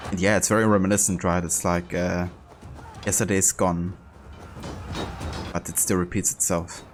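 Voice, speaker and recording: A man's voice: sits low, flat delivery, normal speed. A man giving casual, chatty, laid-back live commentary as he streams a video game. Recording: voice over loud game music. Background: game music.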